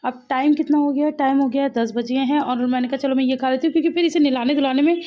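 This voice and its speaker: High-voiced chatty mother vlogging at home. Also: steady tone, lo-fi sound. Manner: fast, talkative, laughing asides. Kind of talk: casual chatty home vlog. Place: home kitchen.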